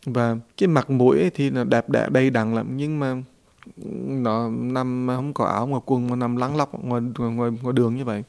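A man's voice: mid-range voice, steady tone, a little fast, gravelly, darkish tone, clear, resonant tone. A man, a Buddhist teacher, telling a story in a folksy dharma talk and addressing listeners directly.

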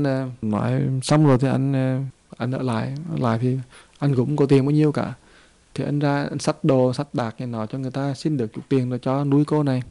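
A man gives a dharma talk, narrating a Buddhist parable with halting restarts and repetitions. His voice is gravelly and dark, at a middle pitch.

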